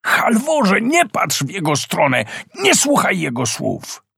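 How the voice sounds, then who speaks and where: An old fisherman, a loving father, calls out to his son with a lifted, urgent voice that climbs high, as a man puts him on while reading a tale. His speech rises and falls widely. The sound is close and dry. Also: huge pitch swings, slow, creaky, sharp tone, breathy edge, no echo, heavily acted. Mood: alarmed. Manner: raised, urgent calling.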